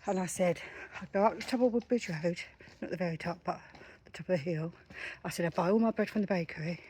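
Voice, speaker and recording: A middle-aged woman who writes self-help books chats in a casual walking vlog, retelling conversations with her neighbours as she walks down a street outdoors. Her lowish, dark voice moves fast over slight background noise.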